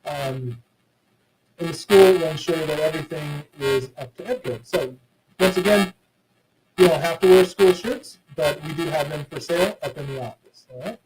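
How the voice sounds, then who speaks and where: A man giving a casual, chatty school presentation to parents from his office. His audio is robotic and garbled, like a low sample rate, and he uses many fillers and restarts. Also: normal speed, a little mellow, faint music behind, rough recording. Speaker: school principal. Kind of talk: live online presentation to parents. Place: hot indoor office.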